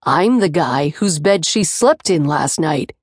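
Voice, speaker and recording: A woman narrator voicing a gruff, possessive young man who growls his lines low and menacing, in an audiobook. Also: lively intonation, slow pace, dry recording, clean studio sound, full character voice.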